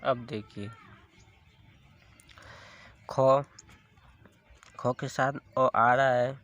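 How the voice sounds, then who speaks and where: A man teaching a Hindi alphabet lesson, slowly repeating each syllable as a drill. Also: mid-range voice, steady tone, a bit bright, highs cut off. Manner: slow, repetitive drilling, drawing out each syllable.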